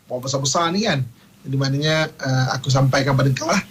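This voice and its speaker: A man with a Malaysian Malay accent giving a radio religious talk, telling stories with lively acted-out quotes. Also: medium pitch, brisk, slight background noise, low-quality recording. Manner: animated storyteller, acts out quotes, laughs often.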